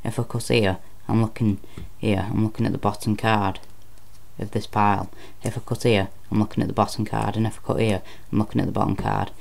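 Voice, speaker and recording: A man's voice: fairly low pitch, little pitch movement, fairly quick, vocal fry, darkish tone. A man giving informal card magician patter, explaining step by step and repeating phrases as he goes. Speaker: card trick presenter.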